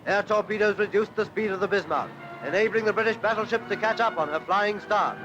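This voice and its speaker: A man narrating an old wartime newsreel in a brisk, formal announcing manner, heard from an archive soundtrack. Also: sits high. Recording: dull lo-fi archive newsreel audio with music.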